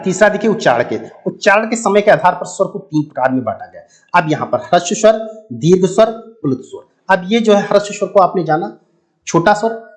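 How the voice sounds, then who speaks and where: Hindi man drilling vowel sounds. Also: sits high. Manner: explanatory, addresses viewers as friends, repeats and drills sounds. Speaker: Hindi grammar teacher. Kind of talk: exam-prep lesson.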